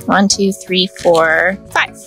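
A young woman, a farm educator, giving clear, patient step-by-step gardening instructions. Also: on the low side, steady tone, slow, fairly bright tone, faint music behind, rough recording. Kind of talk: instructional demonstration.

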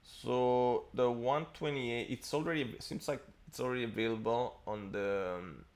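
This is a man in his thirties from Italy, talking in an unhurried way with a medium-pitched voice. He rambles casually on a tech livestream, using lots of fillers, and is recorded via an earphone headset mic on a webcam stream in a home study lined with bookshelves.

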